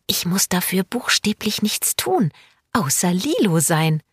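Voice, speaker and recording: A woman voicing an introspective adult woman from a storybook, speaking in a hushed, wondering way. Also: medium pitch, sing-song, unhurried, breathy edge, no echo, studio quality, exaggerated voice. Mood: awed.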